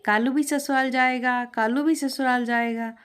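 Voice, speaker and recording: A woman's voice: high-pitched, fairly even intonation, normal speed, smooth, pitched above the performer's own voice, close to an everyday voice. Woman doing a chattering parrot that mimics. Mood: chirpy mimicking. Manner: repeats phrases twice in a sing-song way.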